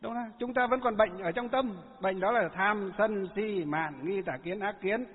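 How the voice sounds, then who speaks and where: A man's voice: sits high, moderate pace, slightly rough. A man giving a Buddhist sermon as a monk. He often asks his listeners rhetorical questions and then answers them himself. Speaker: Buddhist monk teaching lay followers. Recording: echoey hall over a tinny phone-like line.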